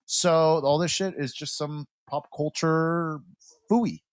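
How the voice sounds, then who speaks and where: A man's voice: on the high side, little pitch movement, unhurried, no room sound. A man hosting a podcast, talking in casual, rambling banter with plenty of swearing. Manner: rambling, informal. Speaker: podcast host.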